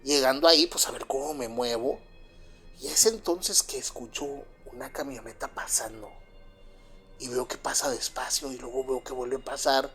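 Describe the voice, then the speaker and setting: A man's voice: medium pitch, moderate pace, fairly bright tone, soft background music. A man with a Mexican accent telling a first-person true story, rambling with lots of fillers and tag questions. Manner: rambling, filler-heavy with frequent "pues" and "¿verdad?".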